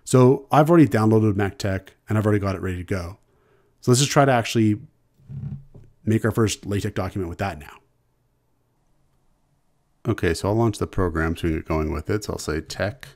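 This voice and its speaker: A man with a Canadian accent talks through a screencast lesson in a low, mellow voice. He explains things in an easy, conversational way and often restarts a phrase before going on. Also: a little fast, long pauses. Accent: Canadian English. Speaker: university instructor. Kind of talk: screencast lecture.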